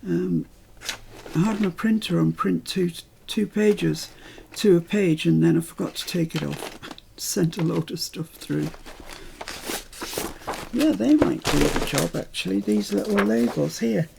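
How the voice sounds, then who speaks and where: A British woman in her later years talks slowly and unhurriedly through a paper-craft tutorial, her voice heavy with gravelly fry. She drifts into chatty asides as she works, with a faint hiss of room noise behind her. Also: fairly low pitch. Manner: chatty, rambling asides while working.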